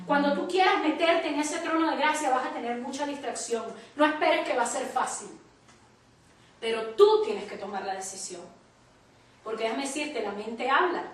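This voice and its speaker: A woman preacher teaching a church class, telling a personal story with emphatic quoted dialogue. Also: fairly high pitch. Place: church hall. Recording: echoey church from far off.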